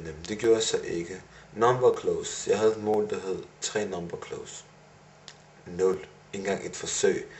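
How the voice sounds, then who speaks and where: A man's voice: low-pitched, a little mellow, a little hiss or hum. A young man recapping his day in a casual video diary, rambling and self-analytical with many fillers. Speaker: vlogger.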